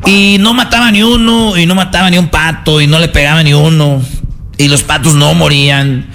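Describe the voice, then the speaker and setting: A man's voice: a little high, steady tone, normal speed, fairly bright tone. A man with a Mexican accent hosting a comedy show, telling jokes in rowdy, slangy banter. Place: outdoors at a city square festival.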